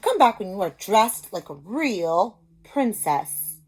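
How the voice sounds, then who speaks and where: Female reader as storybook prince, haughty, fussy, slow emphatic scolding, medium pitch. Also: sing-song, breathy edge, heavily acted, low-quality recording. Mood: haughty, disgusted. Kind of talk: read-aloud storybook.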